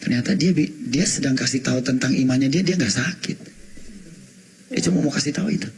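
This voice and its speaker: Seorang pria membagikan kesaksian pribadi dengan penuh emosi, menirukan percakapan dan kadang berteriak gembira, sesekali menyelipkan kata bahasa Inggris. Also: male voice, mid-range voice, fairly quick, slight background noise. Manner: animated storyteller, acts out dialogue, shouts in excitement; mixes in English words. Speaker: testimony speaker. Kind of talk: emotional personal testimony.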